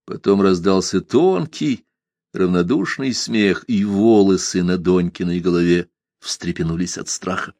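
Low male audiobook narrator, expressive dramatic reading, dry close sound. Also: a little slow, no echo.

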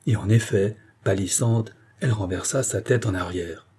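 A man reads a novel aloud in a steady, measured way. His voice is low and husky, with a dark, mellow warmth. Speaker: audiobook narrator. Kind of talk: scripted narration of a novel.

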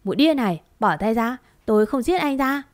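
A woman's voice: on the high side, expressive, a little fast, no room sound, clean studio sound, close to an everyday voice. A woman voicing a frightened young woman who has been accused of murder and pleads defensively. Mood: pleading.

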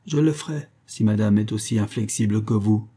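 A man's voice: lowish voice, fairly quick, mellow, slightly rough. A man reading the part of a bold young cavalier lover, gallant and theatrical, in an audiobook.

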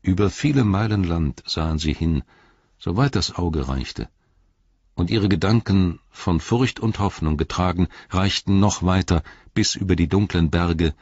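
Deep, slow, husky male narrator. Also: darkish tone, no echo. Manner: measured, solemn. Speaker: audiobook narrator. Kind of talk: scripted narration. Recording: dull, lo-fi audiobook recording.

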